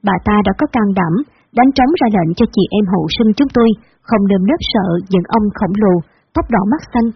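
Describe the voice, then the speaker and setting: Brief: husky female narrator, measured story reading, muffled lo-fi recording. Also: medium pitch, expressive, no echo. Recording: dull lo-fi recording.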